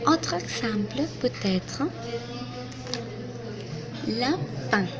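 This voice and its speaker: Slow woman spelling out sounds. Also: a little high, expressive, a loud crowd. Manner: slow, careful spelling-out of letters. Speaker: student presenter. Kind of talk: reading a phonetics lesson.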